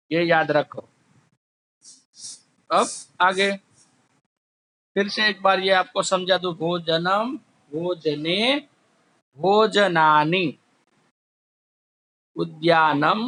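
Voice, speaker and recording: A man teaching a class, slowly drilling word forms, asking questions and answering them himself. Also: sits high, sharp tone. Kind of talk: slow classroom explanation. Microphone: recorded while writing on a board.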